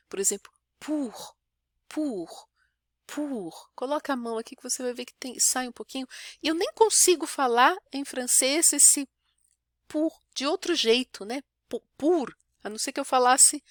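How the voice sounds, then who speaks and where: A woman with a São Paulo Brazilian accent gives an online French pronunciation lesson in a high, bright voice. She explains patiently, keeps asking "né?" and slows down to model each sound. The recording is close and dry, with no room echo. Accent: São Paulo Brazilian Portuguese. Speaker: French teacher.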